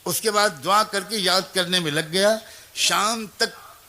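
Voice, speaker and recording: A man's voice: high voice, steady tone, bright, forceful tone, a little hiss or hum. A man preaching a sermon as a story, emotive and dramatic, speaking each figure's lines himself and turning to address mothers and young people directly. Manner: emotive, voices the teacher, child and mother in turn.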